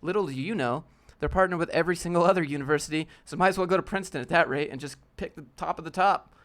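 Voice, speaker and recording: A man's voice: a little high, fast, a bit bright. Youthful-sounding man hosting a casual live stream. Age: 20s. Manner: laid-back, joking, reads viewer questions aloud.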